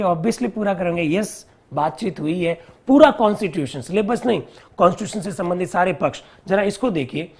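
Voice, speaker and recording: A man's voice: sits high, creaky, darkish tone, husky. A man teaching a live online civics lesson, explaining step by step, repeating key terms and quizzing his viewers.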